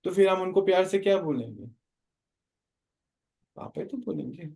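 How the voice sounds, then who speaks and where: Higher-voiced man giving a spiritual class. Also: lively intonation, moderate pace, gravelly, warm tone. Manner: explaining with questions to listeners. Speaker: spiritual teacher.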